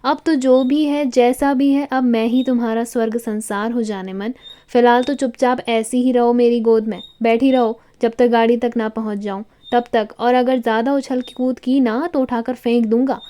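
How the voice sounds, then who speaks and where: A woman voicing a calm, wealthy young husband who humors his tipsy wife in a storybook. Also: a little high, normal speed, natural voice. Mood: dry. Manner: calm, dry, indulgent. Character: cool, wealthy young husband, amused and patient.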